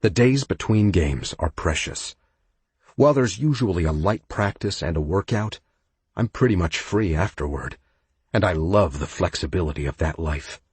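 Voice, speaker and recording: A man narrates a romance novel in first person, with a very low, husky voice. He takes his time and keeps an even storytelling manner. The recording is close and dry, with no room sound. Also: normal speed, no echo. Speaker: audiobook narrator.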